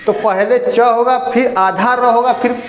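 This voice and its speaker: Echoey high-voiced male teacher drilling students. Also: fairly even intonation, slow, slight background noise. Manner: drills students with repeated questions. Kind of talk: classroom grammar lesson. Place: classroom. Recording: echoey classroom with long reverb.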